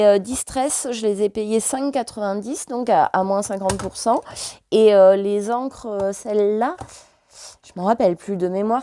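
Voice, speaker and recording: A woman's voice: mid-range voice, dark tone, no echo. A French woman vlogger chatting casually and hesitantly, full of fillers, while showing her purchases. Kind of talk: casual chat.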